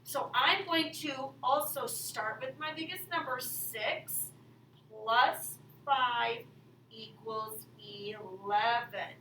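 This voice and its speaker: At a slow pace and fairly high pitch, a woman teacher speaks to children in a bright, pushed voice, breaking down a math game step by step with kids'-show exclamations. She teaches elementary math. Recorded in an echoey room from a distant mic, with faint noise.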